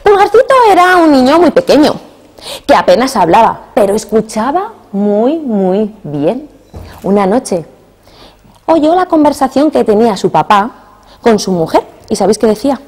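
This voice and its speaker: A young adult woman telling a fairy tale to children, expressive and asking them questions as she goes. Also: on the high side, moderate pace. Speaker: storyteller.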